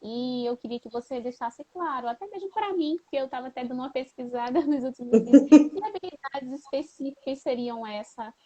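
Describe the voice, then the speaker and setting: A woman's voice: high voice, animated, fairly quick, few pauses, dark tone, poor audio. A woman who is a teacher hosts the interview with a Brazilian accent, asks questions and affirms the answers with short replies. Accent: Brazilian Portuguese. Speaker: host, teacher.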